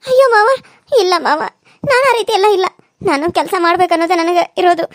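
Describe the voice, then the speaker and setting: A woman's voice: very high-pitched, expressive, fast talker, no room sound, studio quality. A woman voicing a meek cartoon daughter-in-law. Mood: pleading. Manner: pleading, tearful. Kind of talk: cartoon serial voice acting.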